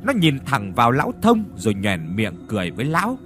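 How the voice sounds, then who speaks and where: A man narrating a horror story with a dramatic, expressive reading. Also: mid-range voice, fairly quick.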